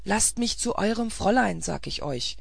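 A woman voicing a desperate armed young man who shouts his urgent demands and pleas in a storybook reading. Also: medium pitch, animated, normal speed, gravelly, no echo. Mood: demanding.

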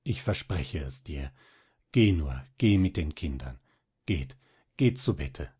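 A man voicing a gentle, frightened father in a storybook reading, speaking in a faint, broken, pleading way. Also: very deep voice, lively intonation, slow, breathy edge, pitched below the performer's own voice, exaggerated voice. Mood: resigned.

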